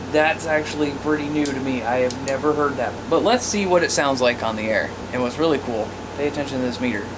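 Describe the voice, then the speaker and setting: An American radio hobbyist gives an informal, hands-on gear demonstration, speaking casually and plainly. His mid-range voice is fairly quick, with background noise in the recording.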